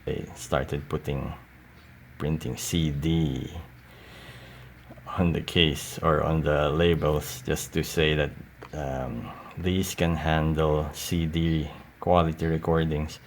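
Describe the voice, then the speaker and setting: A collector shows off his cassette tapes in a casual show-and-tell, talking very slowly in a very low voice full of vocal fry. His delivery is halting and unscripted, with steady background noise faintly audible.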